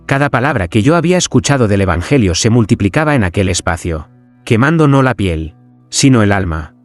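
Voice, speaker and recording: Solemn male horror narrator with lively pitch. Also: brisk, soft background music. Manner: solemn, dramatic storytelling. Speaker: first-person narrator as a priest.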